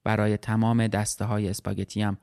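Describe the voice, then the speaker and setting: Calm, measured male story narrator. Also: on the low side, smooth. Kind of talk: audiobook story reading.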